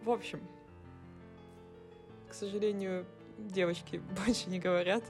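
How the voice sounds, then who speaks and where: A woman's voice: medium pitch, steady tone, a little slow, music in the background. A woman in her twenties giving a recorded personal message, rambling and correcting herself with wry humor. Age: 20s. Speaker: former podcast co-host.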